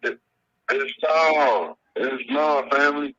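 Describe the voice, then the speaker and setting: A man calling in to a live show over a phone line that keeps breaking up, talking haltingly and repeating his greetings. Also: medium pitch, bright, forceful tone. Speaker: caller phoning in to a live show. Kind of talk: casual call-in talk. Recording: muffled dry phone line.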